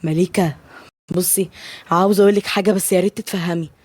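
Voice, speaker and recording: A woman with an Egyptian Arabic accent voicing a protective, loyal young man, steady and reassuring. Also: lowish voice, fast, dry recording, lightly acted. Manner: steady, reassuring, provoking on the phone.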